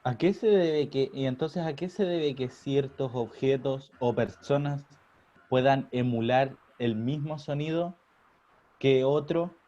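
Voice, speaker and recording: A man's voice: mid-range voice, slow, mellow. A man, a student, politely asking his teacher a question during an online class. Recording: muffled lo-fi audio.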